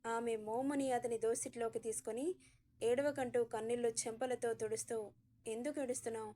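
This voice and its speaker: A woman storyteller narrating a romantic audio drama in a smooth, even reading. Her voice sits high, with a soft, warm, mellow tone rather than a bright one. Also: moderate pace.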